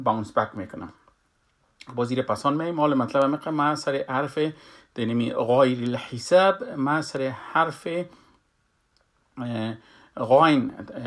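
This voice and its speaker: Guy with teaching tajwid, stretches arabic words out loud then talks quick, average pitch. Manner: demonstrates Arabic words slowly and loudly, then explains briskly. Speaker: Quran recitation teacher. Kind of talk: tajwid lesson.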